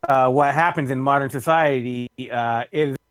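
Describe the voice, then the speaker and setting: A man's voice: mid-range voice, normal speed, no echo. A man in a casual group discussion, hesitant with many fillers, his microphone clipping and cutting in and out. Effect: clipping, distorted microphone cutting in and out.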